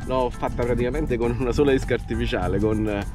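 A man's voice: medium pitch, fast. A man in his forties, from Italy, explaining his fishing gear from a kayak on a lake, talking casually with frequent fillers, recorded on an action camera. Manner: relaxed, hesitant with fillers while explaining gear. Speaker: fishing vlogger. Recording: music playing underneath.

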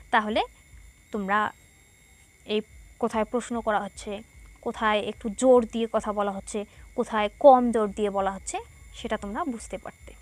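Clear patient woman teaching a class. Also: fairly high pitch. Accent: Bangladeshi Bengali. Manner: patient and explanatory, reads passages aloud. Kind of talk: textbook lesson for schoolchildren.

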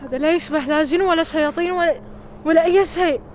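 A woman's voice: very high-pitched, quick pace, crowd noise. A woman co-hosting an adventure vlog with her husband, giving short, scared remarks. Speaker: co-host, the vlogger's wife.

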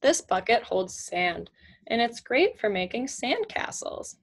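Reading a picture book to children, this woman in her twenties uses a fairly high voice with big pitch swings and a measured pace. She sticks to simple, teacherly phrases with questions, recorded in a small room at home lined with shelves.

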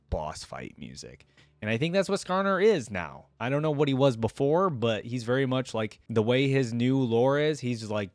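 Here a reaction video host in his twenties, speaking in a mid-range voice, offers informal live commentary and muses out loud. He's close to a desktop microphone with a headset on, there's no room sound, and game theme music runs underneath.

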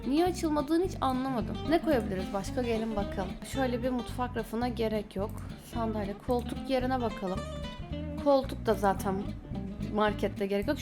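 A woman gaming YouTuber giving chatty, casual commentary to her viewers while she plays. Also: sits high. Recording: background music under voice.

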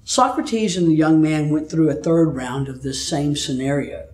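A man's voice: fairly high pitch, a little mellow. Man preaching in an echoey room. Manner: storytelling, measured. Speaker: pastor. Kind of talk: sermon with scripture reading. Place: church. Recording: echoey room, mic at a distance.

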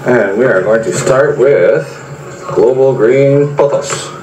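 A man casually showing his plants in a home video, describing them in a plain, low-key way. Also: takes it slowly. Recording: echoey room, far from mic, background noise.

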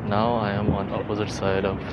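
Over the traffic noise of a busy city street, a young vlogger walks and narrates his tour in a casual, chatty way, musing aloud. His low-leaning voice stays level and brisk, and the recording sounds muffled.

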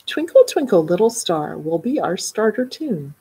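A woman voicing a patient female violin teacher in a children's picture book, speaking slowly and carefully as she instructs. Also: medium pitch, big pitch swings, mellow, breathy edge, exaggerated voice. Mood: encouraging.

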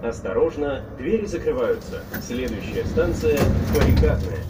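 A man giving a formal train loudspeaker announcement in a clear, measured and official manner, heard inside a moving metro carriage. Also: mid-range voice, animated. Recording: distant loudspeaker over loud train noise.

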